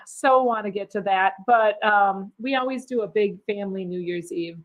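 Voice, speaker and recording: A woman's voice: mid-range voice, moderate pace, poor audio. A woman hosting a casual cruise chat, reading out viewer comments in a bubbly, chatty way and laughing easily. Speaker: cruise vlogger host.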